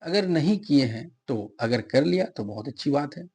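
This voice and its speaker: A man's voice: mid-range voice, animated, moderate pace, a little mellow, husky. A middle-aged man teaching a grammar lesson for exam preparation, explaining patiently with spoken examples and asking and answering his own questions. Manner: asks viewers to subscribe and comment.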